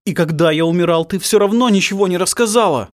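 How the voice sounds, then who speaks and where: A man's voice: sits high, fast, dry recording, pitched above the performer's own voice, close to an everyday voice. Man doing a young guy voice, raised and pushy, firing questions, dry sound. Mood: urgent. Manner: urgent questioning. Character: young man, stunned son, earnest. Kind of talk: audiobook character voice.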